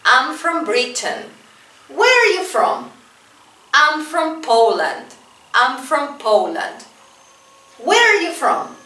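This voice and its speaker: A Spanish-speaking woman teaches an English lesson, slowly and patiently drilling phrases through repetition and often tagging on "right?" to check in. Her voice is high, bright and pushed, with big swings in pitch. The recording sounds roomy, as if she's far from the mic.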